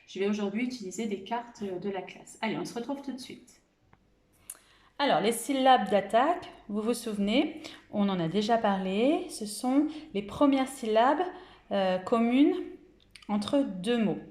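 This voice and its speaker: A woman's voice: medium pitch, lively intonation, a little mellow, echoey room. A woman from France, a kindergarten teacher, giving a recorded lesson and drawing out each syllable carefully. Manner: slow, carefully articulated, stretches out syllables. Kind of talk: recorded home-school lesson.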